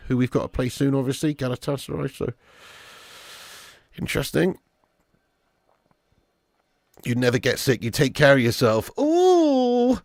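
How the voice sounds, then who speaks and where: A British man doing live football watch-along commentary and chatting casually with viewers in an animated, blokey, sweary, matey way. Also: mid-range voice, no room sound, studio quality. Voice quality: raspy, smoker's laugh.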